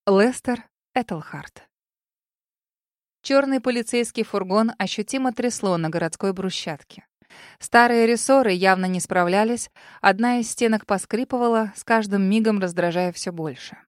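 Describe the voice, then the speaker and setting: A woman's voice: mid-range voice, normal speed, no echo. Woman narrating an audiobook, dry sound. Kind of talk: scripted narration.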